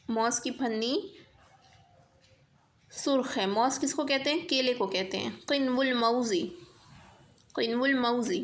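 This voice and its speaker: A woman teaching an Arabic lesson, reading phrases slowly and explaining them in quicker asides. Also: a little high. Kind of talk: classroom lesson explaining grammar exercises.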